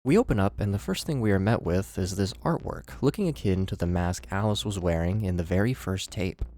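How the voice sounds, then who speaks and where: Animated and a touch fast, a man's low, warm voice narrates scripted horror commentary as the video host, theatrical and full of wry asides. Background music plays, and there's a little hiss or hum.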